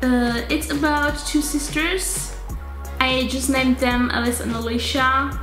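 A young woman rambles bluntly to camera, swearing freely in an unhurried, slightly high voice. Her voice echoes around the room over faint background music. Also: fairly even intonation, fairly bright tone. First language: Hebrew. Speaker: vlogger. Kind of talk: casual chat to camera.

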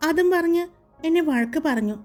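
A woman's voice: very high-pitched, lively intonation, normal speed, darkish tone, soft background music, pitched above the performer's own voice. Woman doing a timid young office girl. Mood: shy.

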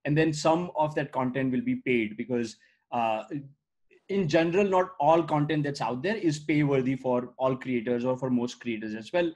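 Over a video call from an indoor room, a man from India who grew up speaking Gujarati walks through his startup's product via screen share. He talks at a moderate pace with a medium pitch, conversationally, using lots of "uh" fillers and "right?" tags. His webcam mic picks up the audio.

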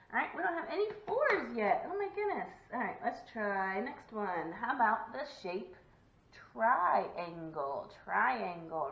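Encouraging woman teacher in echoey room. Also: medium pitch. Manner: encouraging, sing-song, claps out syllables. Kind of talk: video lesson for young children. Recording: echoey room, dull lo-fi sound.

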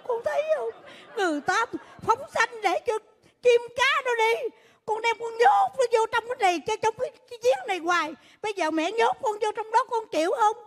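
A woman's voice: very high voice, expressive, normal speed, long reverb tail. A woman playing a doting, tearful middle-aged stepmother, in a live stage comedy skit. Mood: pleading. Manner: pleading, sentimental lecturing.

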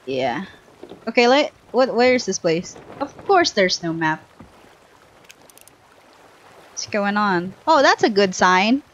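A woman's voice: medium pitch, very animated, takes it slowly, pauses often, dull audio. A young woman giving casual live gameplay commentary on a headset mic, chatty and thinking aloud in short bursts. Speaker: game streamer. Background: faint game music.

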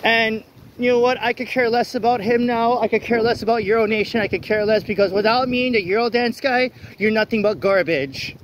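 High-voiced man ranting on a rainy night walk. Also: fairly quick, slight background noise. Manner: blunt, ranting, with frequent laughs and restarts. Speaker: vlogger. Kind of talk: walk-and-talk vlog rant. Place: outdoors on a wet city street at night in the rain. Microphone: phone held while walking.

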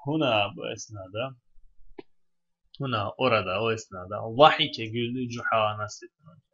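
A man's voice: fairly low pitch, normal speed, a bit bright, slightly rough, dull audio. A man teaching an Arabic lesson, reading a story phrase by phrase and translating each piece for his students. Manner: reads a phrase in Arabic, then translates it word by word; explanatory, addresses students directly. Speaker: religious high school Arabic teacher.

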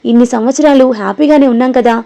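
A woman's voice: fairly high pitch, quick pace, vocal fry, dark tone. A woman voicing a torn, reproachful middle-aged husband in a storybook reading.

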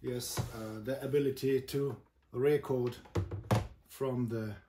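A man giving an informal, step-by-step product demonstration as a host, speaking haltingly in short phrases. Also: medium pitch, fairly even intonation. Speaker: host demonstrating vintage boomboxes. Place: indoor room with a table of boomboxes. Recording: echoey room, loud noise, mechanical clicks.

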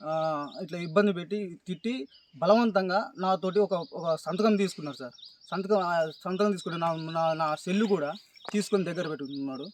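A distressed man speaks with a Telangana Telugu accent, his voice pitched fairly high. He pleads haltingly, breaking off and restarting, and keeps calling his listener sir. Faint noise sits behind him. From Telangana, India. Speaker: complainant describing police abuse. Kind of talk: recorded interview testimony.

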